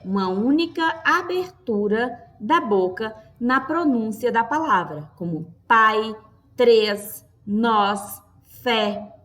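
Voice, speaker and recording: A woman teacher giving a lesson, speaking slowly and clearly, stressing each word and checking in with her class. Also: mid-range voice, fairly bright tone.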